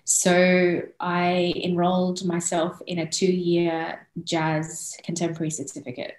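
In a casual interview over video call, an Australian woman in her thirties, a singer-songwriter, speaks at a measured pace with a lowish voice. Her headset audio from a small indoor room is poor and echoey, and she's animated, frequently laughing and restarting.

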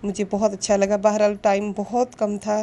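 A woman narrating a casual shopping vlog, speaking politely and earnestly, pausing with fillers now and then. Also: mid-range voice, completely flat delivery, warm tone. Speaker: vlogger.

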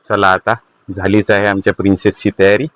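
A man's voice: on the low side, completely flat delivery, a little fast. Chatty man hosting a family vlog. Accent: Marathi. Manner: chatty, coaxing and playful. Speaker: vlog host.

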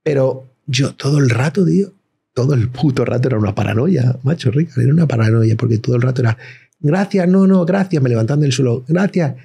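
Gravelly, husky-voiced man in his 40s, slangy and animated, acting out voices as he tells stories. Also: mid-range voice, fast. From Madrid, Spain. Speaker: guest, rapper. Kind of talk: casual interview chat.

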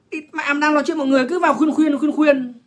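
A man's voice: very high-pitched, steady tone, fairly quick, a little hiss or hum. A man, ranting bluntly and crudely to viewers on a livestream. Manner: crude, profane, blunt, lecturing.

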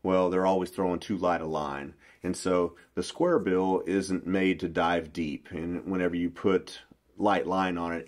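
Middle-aged guy, real low voice, folksy fishing talk across a table, small room. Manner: folksy, explains in detail with frequent restarts. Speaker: bass fishing pro and bait maker. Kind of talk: casual explanatory interview.

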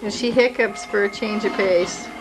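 A woman's voice: mid-range voice, steady tone, moderate pace, music in the background, low-quality recording. A mother narrating a home video of her baby in the living room, talking sweetly to the infant while holding a camcorder. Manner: chatty, talks sweetly to the baby. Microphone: handheld camcorder.

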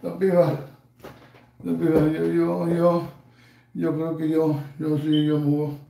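A man's voice: a little high, monotone, slow pace, gravelly, dark tone, reverberant, distant mic, rough recording. A man with a Mexican accent voicing a whiny, panicking grown man who stammers and gasps that he is out of breath. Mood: whiny, breathless. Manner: stammering, repeating himself mockingly.

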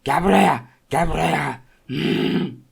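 A woman voicing a male hero turned into an angry fire monster in a toy play-acting video, with a strained, gravelly voice and threatening or pleading delivery. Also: low-pitched, slow pace, pitched below the performer's own voice, exaggerated voice. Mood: menacing. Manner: pleading, then raging threats.

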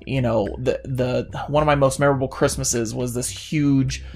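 A man in his thirties co-hosting a casual podcast, talking in an animated way with many restarts and fillers. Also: medium pitch, moderate pace. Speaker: podcast co-host. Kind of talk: casual chat.

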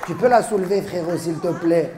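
A man's voice: high-pitched, a little fast, dark tone. A male stand-up comedian doing live crowd work, teasing audience members and chuckling through his lines. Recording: roomy live hall with crowd noise.

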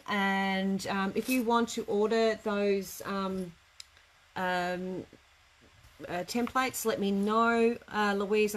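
During a live craft class in an indoor studio workroom, a middle-aged woman chats casually and a bit ramblingly with her students. Her voice is medium in pitch with a fairly bright tone, and noticeable room noise sits in the background.

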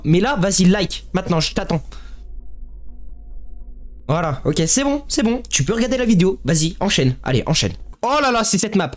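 A man giving casual gameplay commentary, excitable and slangy, often yelling at the game. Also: high voice. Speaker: gaming YouTuber.

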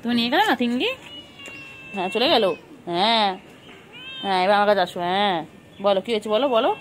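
A woman's voice: mid-range voice, expressive, brisk, noisy background. A woman filming cats on an empty street at night, chatting casually and coaxing them with affectionate, repetitive baby talk.

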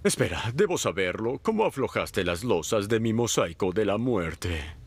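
A man voicing a pompous, vengeful cartoon villain with a husky voice and a Latin American Spanish accent. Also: fairly low pitch, sing-song, normal speed, exaggerated voice. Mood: indignant. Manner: pompous, grandiloquent.

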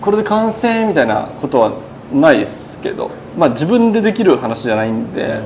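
The owner of a small burger shop, a man in his thirties, is interviewed indoors there on a lapel mic, chatting away in long run-on sentences and quoting others' words. His voice is on the high side, sing-song and a little mellow, and he talks a bit fast. There's slight background noise.

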